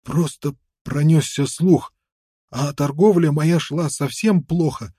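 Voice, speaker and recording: A man's voice: fairly high pitch, slow pace, dark tone, slightly rough, no room sound, clean studio sound, voice pushed up. A man voicing a worn-out, toothless fur trader who stammers and pleads ingratiatingly in an audiobook. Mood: pleading.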